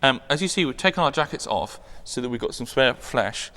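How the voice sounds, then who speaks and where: A man's voice: mid-range voice, lively intonation, a little fast, pushed and bright, in a large hall. A man chatting enthusiastically as co-host of a perfume review, rambling with many restarts. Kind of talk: casual chat.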